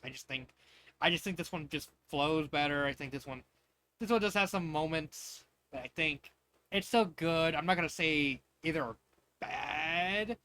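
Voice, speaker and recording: A man with a high-pitched, slightly bright voice reads fan fiction aloud and reviews it with casual, rambling commentary, often repeating and restarting his phrases.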